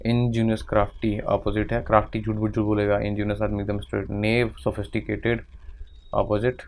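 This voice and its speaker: A man's voice: on the low side, monotone, fairly quick, creaky, a little hiss or hum. A man teaching English vocabulary in Hindi, working through a vocabulary exercise aloud and murmuring word lists half to himself.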